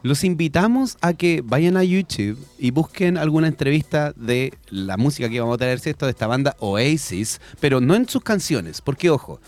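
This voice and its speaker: Lively man co-hosting radio. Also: on the high side, normal speed, hardly any pauses. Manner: lively, explanatory, switches between Spanish and English. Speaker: radio show co-host. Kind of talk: bilingual educational radio chat about English accents. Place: radio studio.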